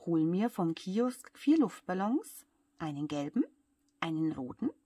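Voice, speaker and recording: A woman voicing a bossy, cheeky talking air mattress in a bedtime story, with a breathy voice. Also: sing-song, unhurried, warm tone, dry recording, full character voice. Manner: bossy, high-spirited.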